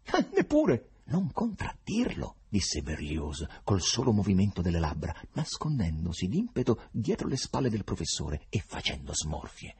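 Brief: male novel reader, husky, lower voice, very lively intonation. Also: moderate pace, hardly any pauses. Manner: expressive reading. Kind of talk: audiobook narration.

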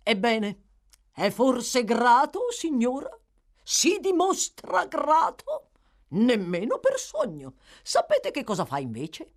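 A woman voicing a pompous, self-important middle-aged male parish beadle in an audiobook reading, with slow, indignant, drawn-out questions. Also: on the high side, huge pitch swings, voice pushed up, full character voice.

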